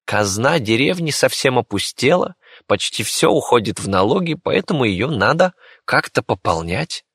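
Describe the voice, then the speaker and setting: A man's voice: mid-range voice, sing-song, moderate pace, a bit bright, husky, no echo, studio quality, pitched above the performer's own voice, exaggerated voice. A man voicing a fussy, talkative rabbit-faced village doctor in an audiobook, speaking in a chatty, slightly ingratiating way. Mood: explaining. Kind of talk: audiobook character voice.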